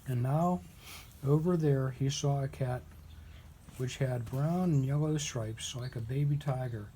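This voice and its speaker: A man reading a storybook aloud as a father would, with deliberate, emphatic storytelling. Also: medium pitch, mellow, slight background noise, low-quality recording.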